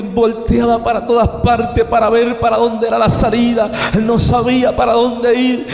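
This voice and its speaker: A man's voice: very high voice, darkish tone. A man evangelist, preaching a dramatic testimony and calling out to his brothers and friends. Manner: dramatic, addresses "hermanos y amigos". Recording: echoey hall.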